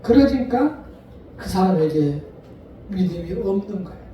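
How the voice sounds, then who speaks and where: A man preaching a sermon as a pastor, earnest and deliberate, leaning on repeated emphasis. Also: sits high, lively intonation, highs cut off, a little hiss or hum. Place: church sanctuary. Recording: echoey room, voice picked up from a distance.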